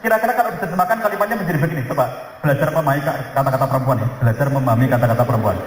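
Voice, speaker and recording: A man's voice: medium pitch, very fast. A man from Indonesia preaching at a family seminar in a large hall, talking conversationally, teasing his audience and acting out dialogue. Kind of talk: lively seminar sermon. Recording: very echoey hall with faint noise.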